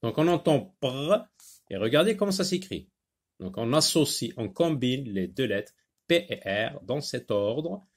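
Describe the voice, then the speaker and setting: A man teaching a French phonics lesson to young children, drawing out and repeating sounds and words, with a North African French accent. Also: mid-range voice. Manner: slow, drawn-out, repeating sounds and words for pupils.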